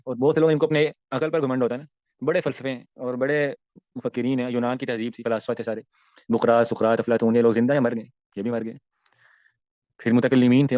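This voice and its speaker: A man's voice: mid-range voice, darkish tone, dry recording, muffled recording. A man, teaching an Islamic class and explaining Arabic verses, with many rhetorical questions and emphatic rises and falls.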